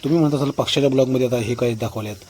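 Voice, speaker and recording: A man's voice: mid-range voice, very fast, a little mellow, a little hiss or hum. A man casually narrating a vlog outdoors by a river, explaining things to viewers. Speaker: vlogger.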